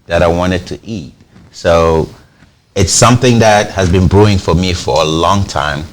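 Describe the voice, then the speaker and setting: A company founder from Cameroon gives a conversational TV interview, explaining at length and repeating words as he restarts phrases. His voice is low and measured, with slight background noise.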